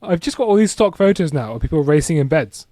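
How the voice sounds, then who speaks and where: A man's voice: on the high side, big pitch swings, quick pace, warm tone, no echo. A man, co-hosting a casual podcast, teasing and reading out news stories. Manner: teasing, laughs often, reads out news headlines. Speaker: podcast co-host. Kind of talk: casual chat.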